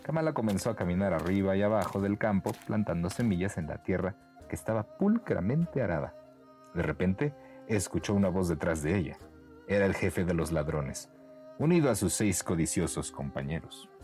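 A man narrating a bedtime story for children in a gentle, expressive way. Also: sits low, moderate pace, faint music behind.

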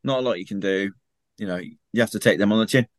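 A man's voice: fairly low pitch, fast, dry recording, studio quality. Upbeat man hosting a football podcast. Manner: upbeat, jokey, steering the chat. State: just recovered from illness. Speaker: podcast host. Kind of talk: casual football podcast chat.

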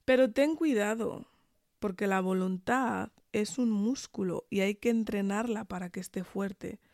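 A woman's voice: mid-range voice, unhurried, darkish tone, dry recording. Spanish woman from spain doing a motivational podcast, earnest n encouraging, bit sick w tonsillitis, super dry recording. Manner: earnest, encouraging, addresses listener directly. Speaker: podcast host. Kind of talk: motivational solo monologue.

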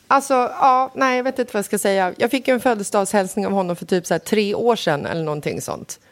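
A woman co-hosting a podcast in casual chat, dramatic and expressive as she tells a story. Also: medium pitch. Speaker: podcast co-host.

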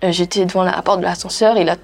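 A young woman giving a personal testimony in a casual, halting way, with many fillers and restarts. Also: on the low side, fairly even intonation, creaky. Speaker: interviewee telling her story.

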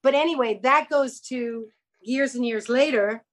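Woman telling rambling, animated stories. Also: high voice, measured pace, low-quality recording. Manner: animated, rambling anecdotes with quoted dialogue. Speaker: guest, actress and clothing store owner. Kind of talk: casual storytelling interview.

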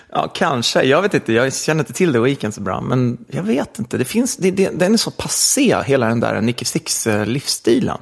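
A man's voice: vocal fry, breathy edge. A middle-aged man, a musician guest, chatting casually in an interview with lots of fillers and rambling asides. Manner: rambling, many fillers, animated pitch jumps.

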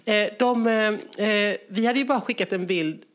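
A woman co-hosting a casual podcast chat, telling a story in an animated way and laughing a lot. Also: mid-range voice. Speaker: podcast co-host.

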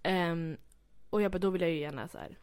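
Lively young woman telling chatty stories. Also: on the low side, clean tone, no room sound. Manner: lively storyteller, slangy, laughs often, acts out quotes. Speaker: podcast co-host. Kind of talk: casual chat.

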